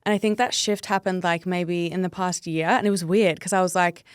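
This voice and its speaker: Guest: Australian woman, 30s, lowish smooth voice, dry close sound, open chatty delivery. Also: steady tone, fairly quick, no room sound. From Melbourne, Australia. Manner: chatty, open, uses 'like' often. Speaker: podcast guest. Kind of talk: casual interview chat.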